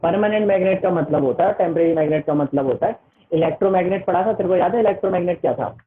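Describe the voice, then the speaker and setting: A man teaching an online class with a Hindi accent, chatty and repetitive, reading the textbook aloud slowly in English. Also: high-pitched. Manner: chatty, keeps saying "listen carefully", reads the textbook slowly in English. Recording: tinny phone-like online class audio.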